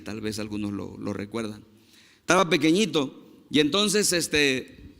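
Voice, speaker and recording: A man's voice: a little high, a bit bright, big-room sound. A man preaching a sermon as pastor, emphatic and drawn out on key words, speaking to his congregation. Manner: emphatic, slow stresses on key words, addresses the congregation as brothers. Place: church.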